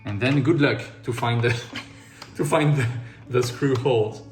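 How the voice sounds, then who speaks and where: An RC model hobby video host with a French accent and a medium-pitched voice takes it slowly through a bilingual model-assembly tutorial. Easygoing and self-mocking, he repeats each step in two languages, recorded in an echoey room with faint music behind.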